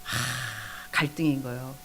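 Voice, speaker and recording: A middle-aged woman pastor giving a lively sermon to young adults, telling stories with chatty asides and acted-out outbursts. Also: a bass voice, normal speed. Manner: animated storytelling with quoted outbursts and chatty asides. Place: church hall.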